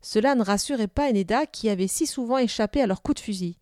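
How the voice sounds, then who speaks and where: A woman narrating a children's novel aloud in a clear, even storytelling manner. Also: a little high, fast, dry recording, clean studio sound.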